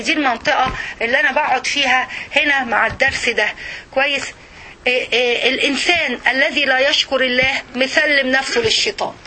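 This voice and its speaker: A quick-talking woman with an Egyptian accent delivers a casual religious lesson to women. Her voice sits high and very bright, and she keeps checking in with her listeners as she preaches. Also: slight background noise. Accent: Egyptian Arabic. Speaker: religious teacher.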